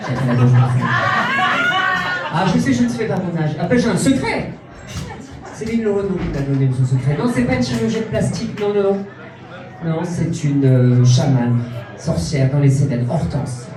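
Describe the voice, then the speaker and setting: A grandiose, self-adoring stage diva, played by a man in a live cabaret act. The voice sits high and camp, heard from a distance in a very echoey club. A lively crowd fills the room. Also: normal speed, over music. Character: vain self-proclaimed international diva, female persona. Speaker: drag cabaret performer. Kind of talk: cabaret stand-up in character.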